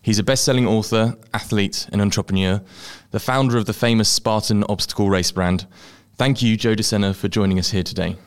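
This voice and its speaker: A man's voice: on the low side, steady tone, fairly quick, few pauses, clean tone. A man hosting a business podcast, presenting and putting questions to a guest. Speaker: podcast host, magazine editor-in-chief. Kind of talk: scripted podcast introduction and interviewing.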